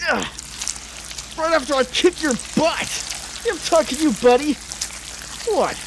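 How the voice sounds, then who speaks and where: Man playing a high-pitched, wisecracking Spider-Man. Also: unhurried, background noise. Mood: taunting, defiant. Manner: theatrical, joking, exclamatory. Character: wisecracking young male superhero, chatty, excitable, nervy. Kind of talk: comic dub narration and dialogue.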